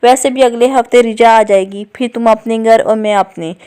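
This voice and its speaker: A woman voicing a domineering young husband who speaks curtly and flatly, giving orders. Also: fairly high pitch, moderate pace, smooth, close to an everyday voice. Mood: cold commanding. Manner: curt, flat, commanding.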